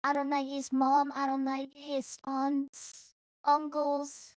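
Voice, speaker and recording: A woman's voice: high voice, completely flat delivery, takes it slowly, a little mellow, no room sound, clean studio sound. A woman from El Salvador, rambling bluntly and profanely in a casual vlog monologue, often restarting her sentences. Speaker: streamer.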